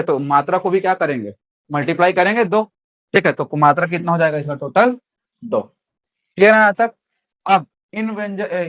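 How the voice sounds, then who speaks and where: A man's voice: high-pitched, a bit bright, no room sound, studio quality. A young man teaching Hindi grammar in a classroom, with a Chhattisgarhi Hindi accent, who asks the class questions and answers them himself.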